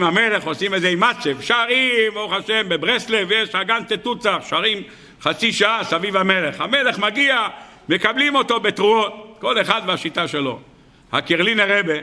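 A man's voice: a little high, bright, forceful tone, in a large hall. A man teaching a religious lesson, telling a story and asking rhetorical questions that he then answers. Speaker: Torah teacher.

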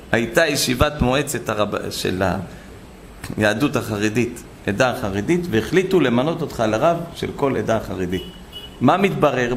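A man preaching a sermon full of stories, animated and acting out the voices of the people in them. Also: on the high side, a little hiss or hum. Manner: animated, acts out quoted voices. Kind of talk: sermon with storytelling.

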